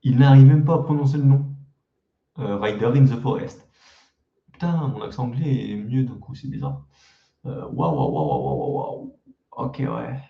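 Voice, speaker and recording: A man's voice: mid-range voice, unhurried, gravelly, long pauses, lo-fi sound. Male reaction YouTuber, teasing and self-deprecating, echoey room. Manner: mocking, crude slang, self-deprecating. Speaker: YouTuber reacting to his old videos. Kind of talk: casual reaction commentary.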